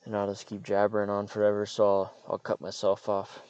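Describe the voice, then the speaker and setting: A young adult man hosting a solo podcast from a parked car, rambling and hesitant with many fillers, speaking in a monotone. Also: on the low side, a little fast, smooth, no echo, muffled recording. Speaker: podcast host. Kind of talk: casual solo podcast monologue. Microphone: computer mic.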